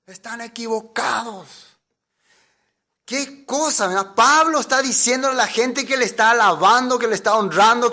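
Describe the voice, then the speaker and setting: A man's voice: sits high, pushed and bright. A man preaching a sermon as a pastor, emphatic, asking his listeners rhetorical questions and acting out the voices he quotes.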